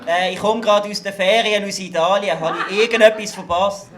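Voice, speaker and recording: High-voiced Basel man singing satirical rhymes. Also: fairly even intonation, brisk, background noise. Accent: Basel Swiss German. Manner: wry punchline delivery. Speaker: carnival satirical singer. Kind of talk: rhymed satirical verse performance. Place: event stage in a hangar. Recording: roomy hall echo.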